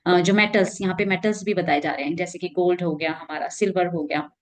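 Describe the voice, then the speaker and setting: A woman teaching an English vocabulary lesson, explaining patiently and reading dictionary definitions slowly. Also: fairly low pitch, steady tone.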